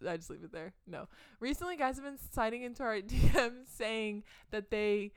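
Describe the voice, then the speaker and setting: A woman's voice: fairly high pitch, animated, normal speed, clear, resonant tone, no echo, clean studio sound. Giggly American woman podcast co-host. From United States. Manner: chatty, giggly, self-deprecating. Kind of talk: casual chat.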